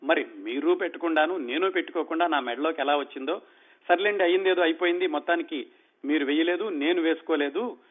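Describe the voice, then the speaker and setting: A man's voice: a little high, fairly quick, close to an everyday voice. A man voicing a patient young wife in a told story, speaking in a pleading, soothing tone in his own voice, over a tinny phone-like sound.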